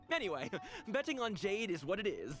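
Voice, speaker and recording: A man's voice: high-pitched, very animated, normal speed, a bit bright, faint music behind. An actor playing a slick, self-justifying jade merchant in a video game, with a theatrical salesman's manner. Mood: smooth, defensive. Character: slick male jade merchant, indignant and smooth-talking.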